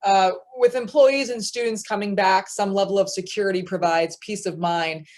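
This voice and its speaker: A woman moderating a panel, reading audience questions in a brisk, friendly way. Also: medium pitch, fairly even intonation, a little mellow.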